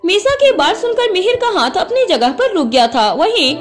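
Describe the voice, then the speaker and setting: A woman narrating a scripted romance story, voicing each character's lines with expressive shifts in tone. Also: very high-pitched, moderate pace, soft background music.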